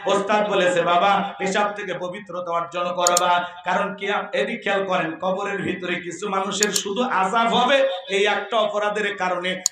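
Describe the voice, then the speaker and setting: A man's voice: high voice, reverberant, background noise. A man preaching a sermon to a gathering, often firing questions at the crowd and chanting verses in a rousing, rising voice. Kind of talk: Bengali waz sermon. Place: outdoor religious gathering.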